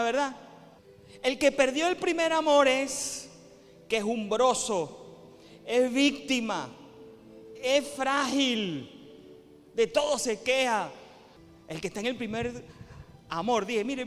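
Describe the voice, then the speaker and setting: High-voiced preaching man in a reverberant church. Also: a bit bright. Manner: impassioned preaching, repeats phrases for emphasis. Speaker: pastor. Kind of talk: sermon. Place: church sanctuary.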